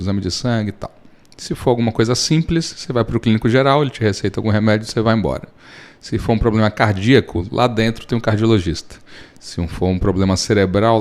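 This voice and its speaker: A Brazilian man in his thirties, a lawyer, explaining his work at length with everyday examples in a relaxed podcast interview. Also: on the low side. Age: 30s. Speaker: lawyer and guest.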